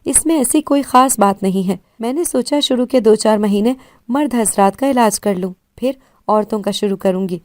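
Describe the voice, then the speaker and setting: Self-assured teen girl, calm explainer, soft dark tone; a woman narrator voices her. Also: medium pitch, no echo, studio quality, lightly acted. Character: confident fifteen-year-old girl running a clinic.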